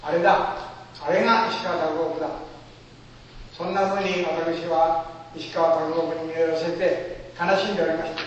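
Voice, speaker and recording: A man with a high, light voice gives a dramatic, formal storytelling speech, pausing for effect. He is picked up from far off in a large hall, with long reverb ringing around him. The sound is a little dull and muffled. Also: steady tone, slight background noise. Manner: formal oratorical phrasing, emotive pauses. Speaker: speaker.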